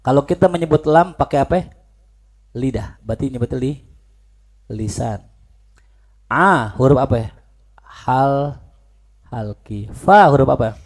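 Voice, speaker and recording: Seorang pria mengajar pelajaran agama dengan santai, dengan logat Betawi, banyak bertanya lalu menjawab sendiri. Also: male voice, medium pitch, a little slow, long pauses. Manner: lively, playful, asks questions then answers them himself. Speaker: religious teacher. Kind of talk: informal religious lesson.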